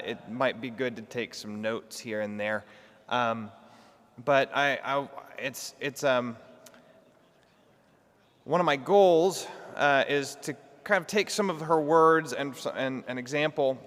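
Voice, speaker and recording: Fast-talking man in an echoing church. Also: mid-range voice, fairly bright tone. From Texas. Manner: fast-talking, trying to slow down and project. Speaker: guest lecturer. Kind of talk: lecture in a church. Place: large echoey church. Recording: long hall reverb in a church.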